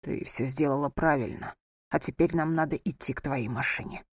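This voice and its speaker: A woman reading a novel aloud and voicing a badly wounded young husband who talks quietly and with strain. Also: on the low side, moderate pace, dry recording, close to an everyday voice. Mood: weak, steady. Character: wounded young husband, weak, hushed, stoic. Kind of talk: audiobook character voice.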